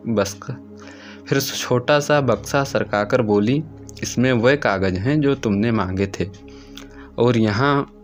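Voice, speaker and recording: Man, story reader, measured first-person narration, mid-pitched voice, faint music behind. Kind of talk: reading a literary short story aloud.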